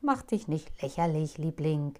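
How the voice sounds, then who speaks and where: A woman's voice: deep voice, lively intonation, unhurried, a little mellow, pitched below the performer's own voice. A woman voicing a fussy, caring middle-aged wife in a storybook, talking in a soothing, fussing way.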